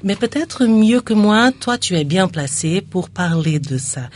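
A woman on a radio station's staff is interviewed in French, her non-native language, and her foreign accent shows as she looks for words. Her mid-range voice is expressive and darkish in tone, and she takes her time.

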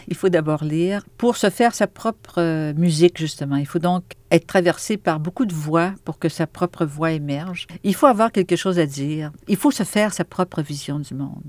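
Québécois woman novelist as interview guest, musing and halting, close dry sound. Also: sits low, a little mellow, dry recording. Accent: Québécois French. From Quebec. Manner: thoughtful, halting, with frequent fillers and repeated words. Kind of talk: reflective interview talk.

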